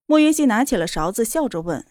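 A woman reading a romance novel aloud in a steady, even storytelling voice. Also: on the high side, quick pace, dry recording, studio quality. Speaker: narrator. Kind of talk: scripted novel narration.

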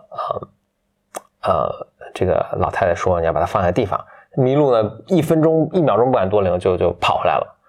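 A man retells a fairy tale in an easy, conversational way, his voice sitting on the low side. He talks loosely, with frequent fillers and restarts as he pieces the story together from memory.

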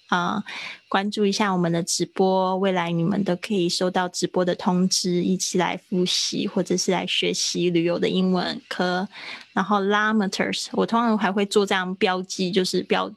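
This thirtysomething woman teaches English over a chatty livestream, walking through each step and slowing to pronounce words carefully. She has a mid-range voice with vocal fry, and the recording has no room sound.

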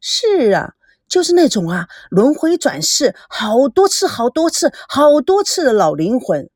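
A woman's voice: high-pitched, measured pace, dry recording, clean studio sound, pitched above the performer's own voice, full character voice. A woman doing a cocky chatterbox teenage girl. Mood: earnest. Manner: coaxing, lively and know-it-all. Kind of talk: audiobook character voice.

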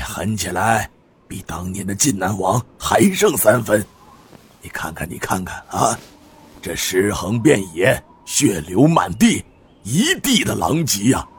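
A man's voice: fairly low pitch, slight background noise. A man voicing a weary veteran official who sighs and draws out his exclamations. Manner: sighing, drawn-out exclamations.

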